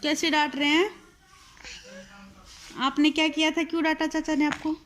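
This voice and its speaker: A woman with a somewhat high voice chats her way through a casual daily vlog. She speaks straight to her viewers and turns playful and coaxing with her toddler. She is recorded at home. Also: flat delivery, moderate pace, a bit bright, slight background noise. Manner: chatty, addresses viewers directly. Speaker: vlogger. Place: family home.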